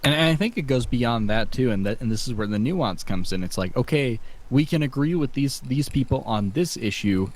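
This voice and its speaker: A man hosting a casual podcast, talking in an animated, profane way. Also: medium pitch. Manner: animated, profane, quick to laugh. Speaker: podcast host.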